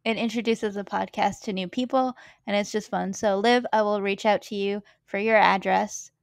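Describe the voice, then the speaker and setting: A woman's voice: mid-range voice, fairly even intonation, moderate pace, gravelly, smooth. A young woman from Massachusetts hosting a podcast, chatting casually and reading facts aloud. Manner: chatty, giggly, reads facts from notes. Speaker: podcast host.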